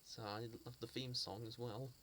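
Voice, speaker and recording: Sharing memories as a fan, a man speaks in a casual reminiscence at middle pitch, with fairly even intonation and a moderate pace. He's earnest, fond and sincere, frequently halting, restarting sentences and repeating words as he looks for the right ones. Faint hiss lies quietly beneath his voice.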